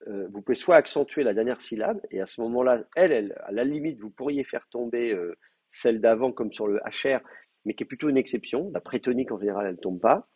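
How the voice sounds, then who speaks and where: A man's voice: medium pitch, lively intonation, fast talker, a little mellow, breathy edge. A man teaching a language class, explaining step by step and thinking aloud, with frequent hesitations and fillers. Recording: muffled lo-fi class recording.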